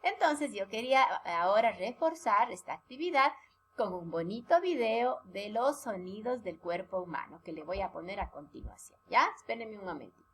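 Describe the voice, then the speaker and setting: A woman teaching young children in a recorded lesson, talking in an animated, sing-song way and often checking that they follow along. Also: medium pitch, normal speed, a little hiss or hum. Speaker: preschool teacher.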